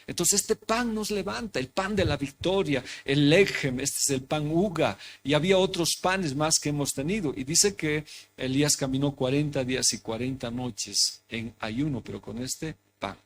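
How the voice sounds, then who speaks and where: Speaking at normal speed in a slightly high voice, a male pastor leads an interactive sermon in a church hall. He keeps posing questions to his congregation and repeating his phrases.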